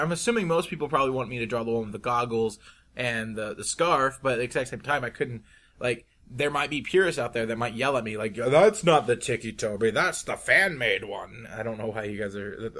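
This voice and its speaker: A young man at a middle pitch talks casually over his drawing session. He rambles from one thought to the next and often stumbles and restarts his sentences. It sounds like a relaxed, chatty commentary. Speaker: YouTube artist.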